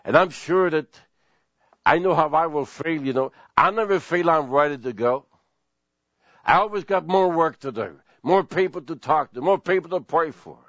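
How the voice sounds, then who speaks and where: A male pastor preaching a sermon, slow and deliberate, driving points home with emphatic repetition. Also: a little high, animated, fairly bright tone, no echo, highs cut off.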